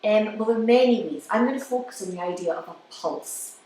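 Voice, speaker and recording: A woman musician gives a live lecture with demonstrations to an audience indoors, explaining in a medium-pitched, dark voice broken by halting pauses as she counts beats aloud. A distant mic captures a very echoey room with faint noise.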